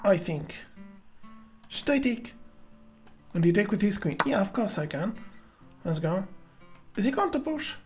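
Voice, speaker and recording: A woman's voice: mid-range voice, sing-song, a little slow, pauses often, soft background music. A woman streaming chess, greeting viewers by name and thinking aloud about her moves with hesitant restarts. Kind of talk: live-streamed chess commentary.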